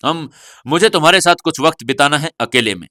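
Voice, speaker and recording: Narrator guy as a teasing loving husband, bright forward voice, dry close sound. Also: fairly high pitch, expressive, a little fast, no room sound. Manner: warm teasing, coaxing. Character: affectionate, teasing husband, confident and protective.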